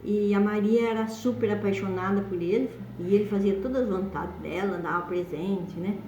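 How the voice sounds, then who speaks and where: A woman's voice: mid-range voice, fairly even intonation, normal speed, dark tone, slight background noise. A woman telling a story in a casual, rambling way, often adding tag questions. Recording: dull echoey room.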